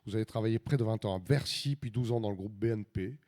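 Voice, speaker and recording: A man with a dark, soft-edged voice hosts a live interview. He speaks informally and haltingly, doubling back on words as he introduces and questions his guest. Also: fairly low pitch. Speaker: newspaper editor hosting a public interview.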